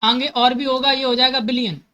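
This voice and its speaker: A woman talks through a math lesson with a bright, fairly high voice. She repeats each step, poses questions and answers them herself, and slips number words into her speech. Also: steady tone, brisk, rough recording. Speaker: math teacher.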